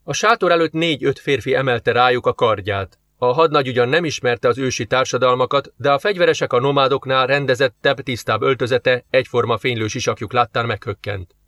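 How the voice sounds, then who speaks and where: A man narrating an action-packed science fiction audiobook in a steady storytelling manner. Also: mid-range voice, few pauses, dry recording. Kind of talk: scripted narration.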